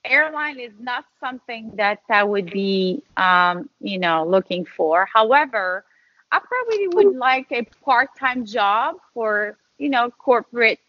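A woman's voice: on the high side, unhurried, no room sound. A woman from Canada, a pilot guest on a podcast, chatting casually with lots of fillers and restarts. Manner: relaxed, rambling, with fillers and restarts. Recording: dull lo-fi audio.

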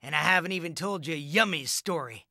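A man's voice: on the high side, fairly quick, creaky, sharp tone, no echo, exaggerated voice. A man voicing a laid-back, swaggering male fighter in an ad-libbed dub outtake. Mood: cocky.

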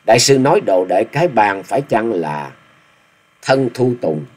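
A man's voice: on the low side, very animated, normal speed, darkish tone. A man narrating a martial-arts audiobook with dramatic storytelling. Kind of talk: scripted narration.

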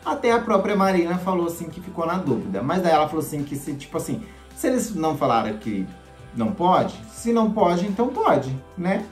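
A man's voice: fairly high pitch, big pitch swings, brisk. A man hosting a casual gossip commentary, chatty and sarcastic, often asking for agreement. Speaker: gossip channel host. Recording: echoey room with faint music.

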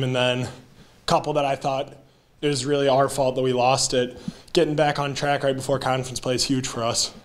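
A young man speaks as a college basketball player in a postgame interview. His voice stays flat and even, and he answers in plain, steady sentences. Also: medium pitch. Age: young adult.

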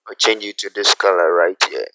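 A man teaching a graphic design software tutorial, talking through each step slowly and checking in with "okay?" as he goes. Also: low voice, no room sound, poor audio. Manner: unhurried, repeats steps, asks "okay?" often. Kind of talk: screen-recorded software tutorial.

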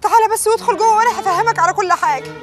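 An actress playing a feisty young village woman, coyly fending off a suitor and pleading to calm a quarrel. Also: very high-pitched, rapid-fire, over music. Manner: coy teasing protests, then anxious pleading. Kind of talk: film acting.

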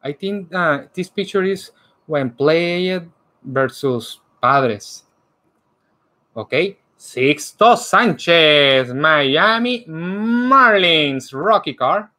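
Man, card break host, slow delivery, bright tone. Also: a little high. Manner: slow, animated name-by-name card announcing. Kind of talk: calling out cards during a live card break. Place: indoor room lined with card displays.

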